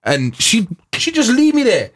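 A young man chatting on a podcast. He tells stories with animated energy, dropping slang and swearing freely. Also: very high-pitched, unhurried. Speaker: podcast co-host. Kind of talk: casual chat.

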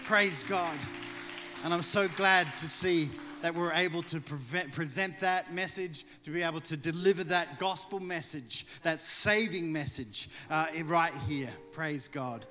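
A middle-aged man addresses a congregation as a visiting preacher. His voice is bright and a little high, carrying through a reverberant hall. He is informal and folksy, mixing praise exclamations with joking asides. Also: measured pace, few pauses. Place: large indoor church, speaking from pulpit. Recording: reverberant hall, music behind.

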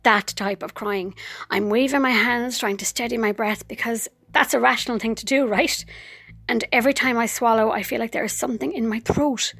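An actress narrating a personal memoir in a wry, vivid way, with sudden outbursts. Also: female voice, fairly high pitch, fairly even intonation, a little fast, fairly bright tone, slightly rough.

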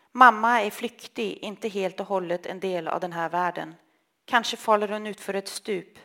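A woman reading a literary text aloud in a slow, measured, intimate way. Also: on the low side, a bit bright. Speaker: reader.

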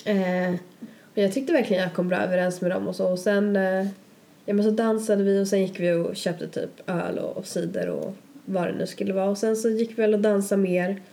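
Brief: young woman, mellow tone, chatty rambling storyteller. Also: mid-range voice, fairly even intonation. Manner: rambling, lots of fillers and quoted asides. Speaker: podcast co-host. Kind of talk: casual storytelling chat.

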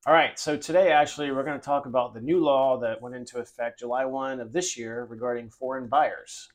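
Guy hosting a chatty podcast, mid-pitched, explains stuff steady with some uhs. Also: a little fast. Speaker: podcast host. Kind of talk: casual podcast chat.

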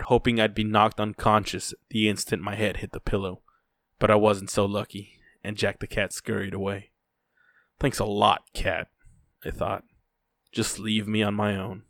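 Guy reading a story first person, lowish voice, tired dry delivery, no room sound. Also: dry recording. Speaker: narrator. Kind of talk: first-person audiobook narration.

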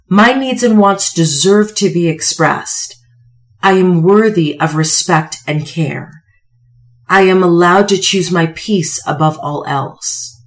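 A female podcast host and self-help coach in her forties gives a conversational motivational talk to listeners. Her lower-register voice is slightly hoarse, and she speaks emphatically, using pointed, deliberate pauses and rhetorical questions.

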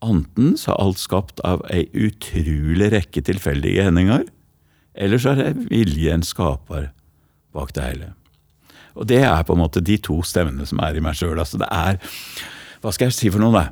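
A middle-aged man from Oslo with an East Oslo accent, a stage actor talking in an interview with thoughtful, halting restarts. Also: low-pitched, expressive, darkish tone, slightly rough, no room sound, studio quality. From Oslo, Norway. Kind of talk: interview guest, then slam poetry.

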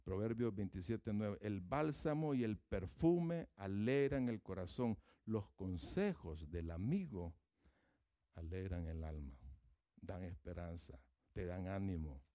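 A man preaching, talking to his congregation in a relaxed, conversational way. His voice is warm and mellow. The sound is dry and close, with no room echo. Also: deep voice, slow pace. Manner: conversational, with fillers and informal asides. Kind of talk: sermon.

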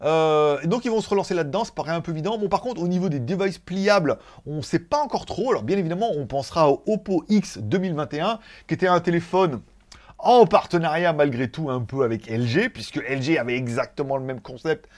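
A man's voice: on the high side, lively intonation, brisk, darkish tone. A man hosting a casual tech news show, rambling through asides and laughing at his own jokes. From France. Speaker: tech YouTuber host.

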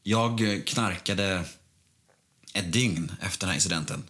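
A man's voice: deep voice, a bit bright. A man guest telling a candid story in casual conversation, bluntly and with plenty of swearing.

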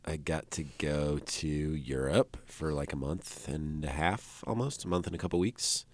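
A man's voice: extremely low pitch, measured pace, a little mellow. A man talking casually as an interview guest, in a laid-back, rambling way full of "like" fillers, recorded close to the mic. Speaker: musician guest. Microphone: close microphone.

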